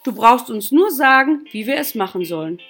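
A woman's voice: fairly high pitch, animated, moderate pace, fairly bright tone, soft background music, pitched above the performer's own voice. A woman doing a cheerful, teasing dad. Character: cheerful father, man, playful.

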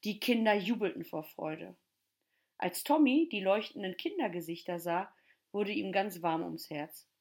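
A woman's voice: mid-range voice, measured pace, a little mellow. Woman reading a children's story. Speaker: storyteller and teacher.

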